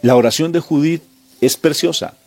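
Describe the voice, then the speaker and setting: A man's voice: on the high side, moderate pace, darkish tone, slightly rough. A man preaching a sermon, emphatic and full of repeated rhetorical questions.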